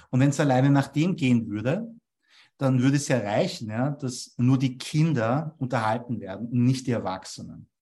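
The voice is a mid-range, darkish one from a young man from Vienna, Austria. Appearing as an interview guest, he explains ideas about copywriting and tags each point with a questioning "ja?".

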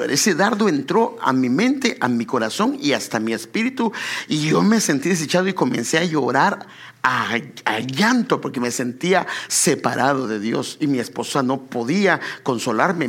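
A man's voice: medium pitch, vocal fry, fairly bright tone, husky. A man preaching a sermon and telling his own testimony. He keeps calling the listener brother and builds up to emphatic exclamations.

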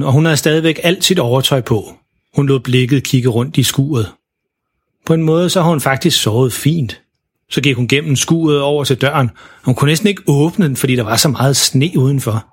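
A man reads a children's story aloud in simple, plain storytelling. His voice is very husky and breathy at an ordinary pitch. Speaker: narrator. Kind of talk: storybook narration.

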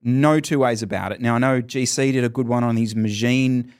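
Talking fairly quickly in a medium, slightly mellow voice, this podcast co-host gets excited about cycling in a loose, casual conversation. He wanders from point to point, restarting sentences and leaning heavily on "like".

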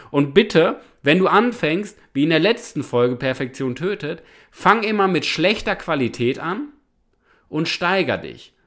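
A man's voice: a little high, fairly bright tone. A man hosting a motivational podcast, speaking emphatically and often checking in with "ja?". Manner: emphatic, repeats "ja?" to the listener. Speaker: podcast host and motivational coach.

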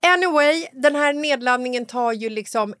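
A woman hosting a podcast in casual chat, an animated storyteller who acts out dialogue and swears freely. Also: mid-range voice, dry recording, studio quality. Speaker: podcast host.

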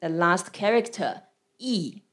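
A woman's voice: lowish voice, animated, slow. Native Chinese woman demonstrating tones. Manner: practicing tones, sounding out syllables for others to repeat. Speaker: guest explaining Chinese characters. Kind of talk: informal language teaching in conversation.

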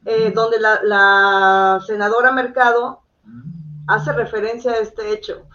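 A woman's voice: mid-range voice, level tone, slow pace, sharp tone, highs cut off. A woman with a Mexican accent giving an earnest, detailed personal account as an interview guest. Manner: earnest, detailed storytelling, checks she is understood. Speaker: interview guest, caregiver mother.

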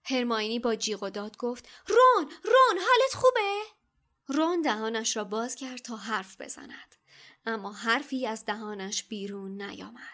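Woman reading a book chapter out loud, steady, slightly high voice. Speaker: podcast co-host reading aloud. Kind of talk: reading a novel passage aloud.

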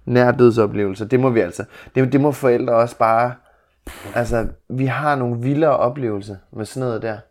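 A man, chatting casually as a fellow parent, reacting with quick exclamations. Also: medium pitch, steady tone, darkish tone. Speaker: co-host, parent. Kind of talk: casual chat.

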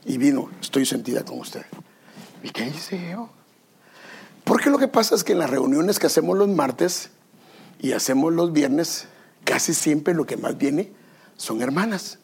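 A pastor with a high-leaning, darkish, husky and creaky voice preaches to his church at an unhurried pace with lively intonation. His church-service sermon weaves in self-deprecating personal stories and questions for the congregation.

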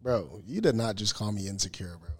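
A man's voice: on the low side, expressive, brisk, husky. A man co-hosting a casual podcast, talking in argumentative, slangy banter with friends. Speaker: podcast co-host.

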